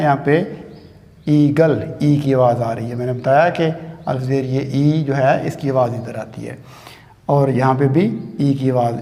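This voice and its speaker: A man teaching an English grammar lesson at a board, slow and patient, often checking in with "theek hai". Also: medium pitch, warm tone, big-room sound. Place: classroom with a board.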